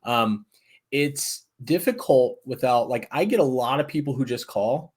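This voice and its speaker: Man, podcast host, casual interview, chatty, self-deprecating, mid pitch. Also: expressive, a little slow, darkish tone, husky. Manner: chatty, self-deprecating, asks loose questions.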